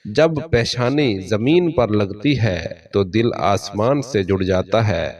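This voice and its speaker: A man with a Pakistani Urdu accent giving a solemn, measured motivational sermon in a steady preaching cadence. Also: lowish voice, far from the mic. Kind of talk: scripted motivational sermon narration.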